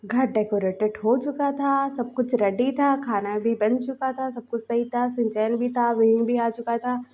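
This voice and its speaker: A woman's voice: a little high, steady tone, a little slow, warm tone, lo-fi sound. A woman narrating a fan fiction story in a chatty, rambling storytelling way.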